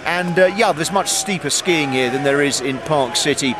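A middle-aged ski reporter with a fairly high voice gives a laid-back snow report outdoors on a mountain, holding the camera at arm's length. He speaks at normal speed, chatty, with lots of ums and dry asides, and background noise is audible.

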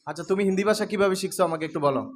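A man teaching English to a room of schoolchildren, asking questions and calling out letters loudly. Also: sits high, racing. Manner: calls out questions and drills the class, often loudly. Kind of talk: classroom lecture to students. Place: classroom with pupils.

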